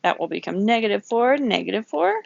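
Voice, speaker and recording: A woman's voice: fairly high pitch, sing-song, brisk, gravelly, no room sound, highs cut off. A woman teaching a recorded geometry lesson, working problems aloud, counting grid squares and correcting herself as she goes. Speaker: math teacher.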